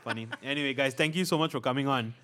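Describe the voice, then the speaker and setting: A man's voice: mid-range voice, racing, crowd noise. A man with a Malaysian accent hosting a podcast in easygoing casual chat. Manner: easygoing, laughing. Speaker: podcast host.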